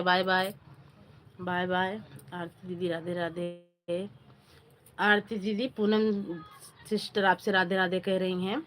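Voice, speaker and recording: A woman's voice: medium pitch, a little hiss or hum. A woman hosting a casual live stream on her phone, chatting with viewers, greeting them by name and asking for likes. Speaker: livestream host.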